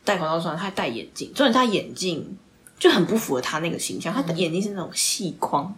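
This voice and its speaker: A young woman, hosting a podcast and telling a story in casual chat, animated, swearing casually and dropping into whispered asides. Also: fairly low pitch, quick pace. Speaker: podcast host.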